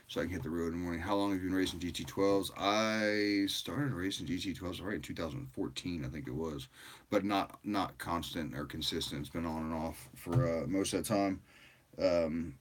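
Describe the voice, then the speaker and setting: A man with a very deep voice hosts a casual livestream and chats with viewers. He sounds tired and rambles in a loose, easygoing way, with plenty of fillers. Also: normal speed. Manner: rambling and relaxed, with frequent fillers and laughs. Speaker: livestream host.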